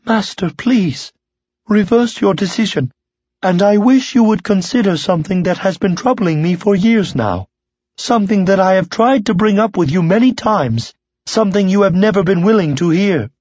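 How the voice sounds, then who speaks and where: Man doing a soft pleading young woman, high gentle voice, dry sound. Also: lively intonation, normal speed, dry recording, highs cut off.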